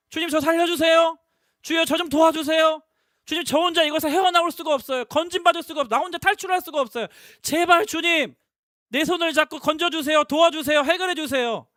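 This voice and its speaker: A man voicing a panicked drowning man who shouts desperate pleas to God for rescue. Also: very high voice, dry recording, clean studio sound, voice pushed up.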